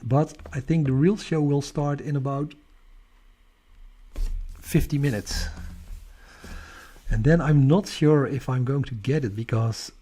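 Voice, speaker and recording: Speaking a little slowly with long pauses, this astronomy livestream host has a mid-range, slightly rough voice and a Dutch accent. He runs a live stargazing stream in a relaxed, chatty way, answering viewer comments and laughing often.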